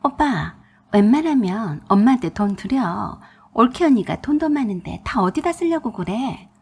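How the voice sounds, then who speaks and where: A shrill, pushy young sister-in-law voiced by a woman reading the story, whining and insistent in a storybook tale. Her voice sits high and comes out slightly husky. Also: sing-song, moderate pace, exaggerated voice. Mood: wheedling. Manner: whiny, insistent pleading.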